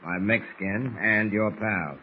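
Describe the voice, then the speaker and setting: Low-voiced blustering gangster boss. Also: male voice, takes it slowly. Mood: gloating, menacing. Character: tough, threatening male smuggler boss. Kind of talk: 1940s radio serial acting. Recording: muffled, hissy old radio recording.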